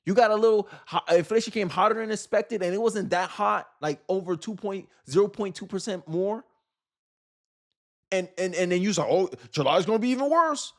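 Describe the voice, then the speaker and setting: Speaking at a normal speed in a high voice, an American man delivers casual, opinionated political commentary. He fires off rhetorical questions in an exasperated, emphatic way.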